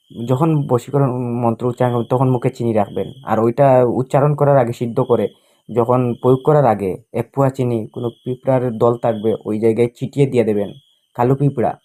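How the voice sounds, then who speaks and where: A man, an occult practitioner giving a casual instructional talk to his viewers. He speaks in short, halting phrases, repeats himself often and scolds the audience. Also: medium pitch, mellow. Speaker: occult practitioner and spiritual healer.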